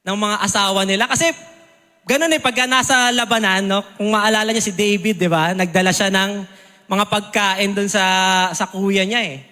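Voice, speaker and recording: High bright-voiced Filipino man preaching. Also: steady tone, moderate pace. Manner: Taglish with constant "no?" and "amen?" tags; acts out soldiers' questions in a raised voice. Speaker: lay preacher. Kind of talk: sermon. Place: church hall. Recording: long church hall reverb.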